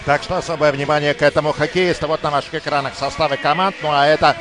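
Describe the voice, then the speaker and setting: A man doing live hockey commentary as a play-by-play announcer, emphatic and excited in his goal calls. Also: fairly high pitch, fast.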